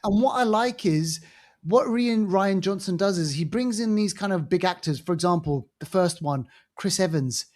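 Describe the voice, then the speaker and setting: A man's voice: high voice, moderate pace. A man co-hosting a film podcast, chatting casually and filling his talk with "you know". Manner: chatty, animated, frequent "you know" fillers. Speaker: podcast co-host. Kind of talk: casual chat.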